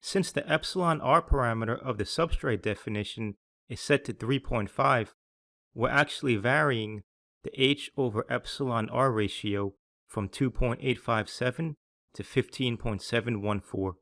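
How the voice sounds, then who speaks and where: A man with a mid-range voice narrates a scripted software demonstration. Like a tutorial narrator, he explains each step in a measured, instructional way.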